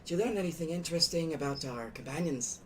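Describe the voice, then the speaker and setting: A man voicing a friendly, inquisitive companion in a tabletop fantasy game, with measured, slightly formal speech. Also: fairly high pitch, expressive, fairly bright tone, recorded from a distance, a little hiss or hum. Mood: genial, curious.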